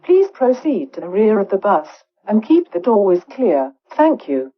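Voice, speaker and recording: Lively woman's voice on a bus PA. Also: mid-range voice. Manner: slow, careful, formal. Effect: played over a bus PA system. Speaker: recorded bus announcer. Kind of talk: scripted public announcement. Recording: dull lo-fi PA playback.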